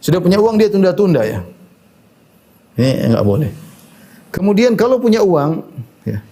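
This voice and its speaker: In a high, warm, husky voice, a very animated male Islamic preacher lectures at normal speed. His style is conversational, with "ya" used often as a filler and Arabic hadith quoted throughout.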